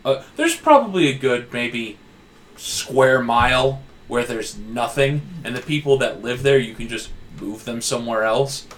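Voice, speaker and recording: A man's voice: medium pitch, animated, a little slow, a bit bright, a little hiss or hum. A man co-hosting a podcast, talking in a rambling, sardonic way during casual chat. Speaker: podcast co-host.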